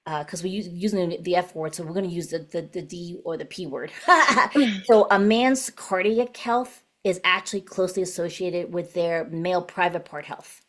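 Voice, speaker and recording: A woman's voice: lowish voice, moderate pace, a bit bright. A woman in her late fifties hosting a podcast, talking casually and animatedly, acting out quoted voices and speaking straight to her audience. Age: 50s. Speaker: podcast host.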